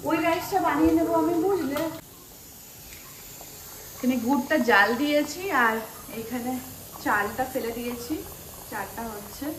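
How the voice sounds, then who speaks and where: A woman's voice: high-pitched, moderate pace, long pauses, very noisy. A woman and mother vlogging in casual chat, talking straight to her viewers.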